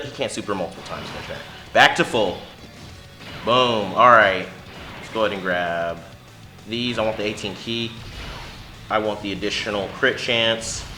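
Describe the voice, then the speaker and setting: A man casually commenting on his own mobile game run, talking to himself and his viewers as he plays. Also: lowish voice. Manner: chatty, mutters to himself, bursts loud at big hits. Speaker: gaming channel host.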